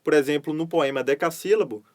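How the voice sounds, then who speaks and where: A man with a Brazilian Portuguese accent teaches a poetry lesson in a measured, explanatory way and reads poems aloud with strong rhythm. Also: on the high side. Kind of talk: lecture with poetry readings.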